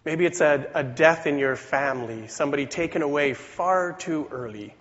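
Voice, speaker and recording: A man with a voice weakened by a cold, preaching a sermon in an earnest, deliberate way with rhetorical questions. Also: a little high, fairly bright tone. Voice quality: weak voice from a cold. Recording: dull recording in reverberant hall.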